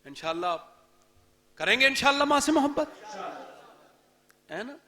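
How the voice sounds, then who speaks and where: Male preacher, very high and bright voice, storytelling sermon that moves from hushed tones to shouting, with rhetorical questions put to the crowd. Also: very animated. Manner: swings from soft low narration to loud shouted climaxes; addresses audience directly, asking rhetorical questions. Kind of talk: emotional Islamic sermon storytelling.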